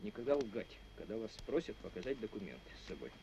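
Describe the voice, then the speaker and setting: A man's voice: fairly low pitch, very animated, quick pace, vocal fry, noisy background. A commanding man questioning people as an inspector, recorded outdoors in the field. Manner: insistent, commanding. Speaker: patrol inspector. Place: outdoors at a riverside camp.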